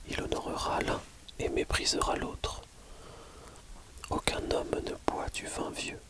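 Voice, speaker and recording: A reader giving a whispered ASMR audiobook reading of scripture in a hushed library whisper, measured, pausing between short phrases. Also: poor audio.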